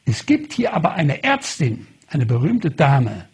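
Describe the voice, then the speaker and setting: A man's voice: on the high side, huge pitch swings, unhurried, a little mellow, slightly rough, heavily acted. A man doing a young, apologetic eye doctor. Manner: polite, apologetic.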